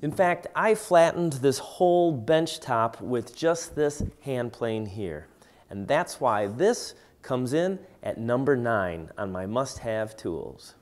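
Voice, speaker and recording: A man's voice: medium pitch, expressive, slow pace, a little hiss or hum. A man in his forties teaching woodworking, explaining tools plainly and steadily as he demonstrates them in his workshop. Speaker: woodworking instructor. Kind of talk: tool demonstration tutorial. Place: home woodworking shop, indoors.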